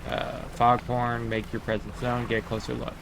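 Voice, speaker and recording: A man giving casual gameplay commentary, reading game text aloud and thinking out loud. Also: mid-range voice, completely flat delivery, moderate pace, vocal fry, noisy background. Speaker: gamer. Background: game music.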